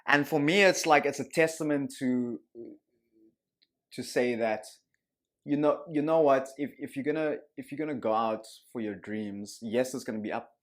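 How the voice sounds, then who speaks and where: A man's voice: mid-range voice, normal speed. Earnest young man. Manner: earnest, rambling with restarts. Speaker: podcast co-host. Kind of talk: casual chat.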